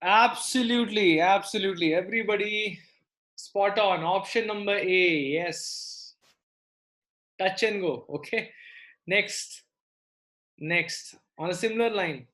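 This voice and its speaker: Female online maths tutor, South Indian accent, mid-pitched, instructive, repeating key points and checking that the class follows. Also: slow, pauses often, a bit bright. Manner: repeats phrases, checks in with students often. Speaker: maths teacher. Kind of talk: live online lesson, explaining and prompting students.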